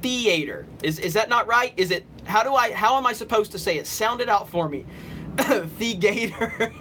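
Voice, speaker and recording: Over some background noise, a male livestream host from Alabama talks casually with commenters, his slight Southern accent coming through. He has a high, expressive voice at a normal pace and rambles in off-the-cuff chat.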